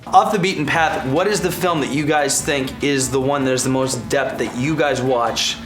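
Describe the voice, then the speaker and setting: A man's voice: mid-range voice, normal speed. A man interviewer asking wordy, loosely phrased questions in a casual style. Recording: roomy echo, faint music. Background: faint music.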